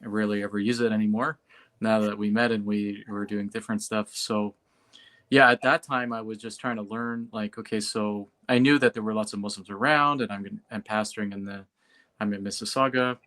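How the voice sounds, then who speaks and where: Guy hosting a casual chat, lowish voice, loose and keeps rephrasing himself. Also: steady tone, brisk, bright, forceful tone. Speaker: host, pastor.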